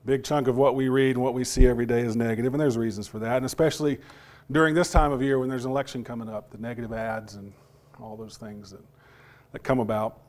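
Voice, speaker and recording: With a mid-range, steady, slightly mellow voice, a preacher addresses his congregation in a sermon. His voice was partly lost and hasn't fully come back, and his delivery is halting, with repeated words and questions directed at the people listening.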